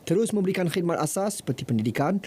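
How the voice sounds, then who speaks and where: Fast formal male news presenter. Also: high voice, expressive, mellow, slightly rough. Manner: fast, formal newsreader delivery. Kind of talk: scripted news reading.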